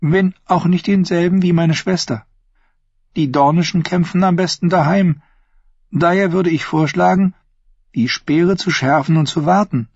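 A man's voice: fairly high pitch, measured pace, darkish tone, husky, no room sound, pitched above the performer's own voice. A man doing a sly, sugary young woman. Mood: sweetly scheming. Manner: sugary, sly, lilting delivery. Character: sweet-voiced young woman, scheming and sly. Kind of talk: audiobook character voice. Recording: dull lo-fi audio.

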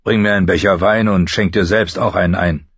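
A man voicing a gruff old male commander who growls his orders, in an audiobook reading. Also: low-pitched, fairly even intonation, a little fast, dry recording, dull audio.

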